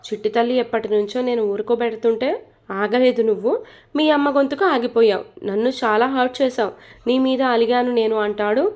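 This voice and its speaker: A woman's voice: fairly high pitch, steady tone, brisk, a little mellow, lightly acted. A woman voicing a cold, stern young father in a storybook reading, sulky and firm.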